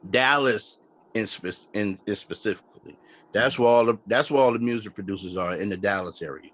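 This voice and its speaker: A man's voice: on the low side, brisk. A man from Memphis, chatting as a guest producer on a podcast and often restarting his sentences. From Memphis, Tennessee, US. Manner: relaxed, frequent restarts and "you know what I'm saying". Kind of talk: casual podcast interview chat.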